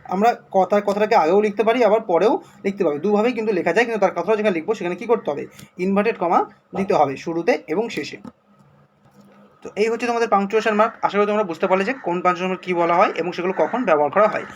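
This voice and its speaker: Teaching English to primary schoolchildren, a high-voiced man with a Bengali accent slowly reads out English examples before explaining them in Bengali. There's slight background noise.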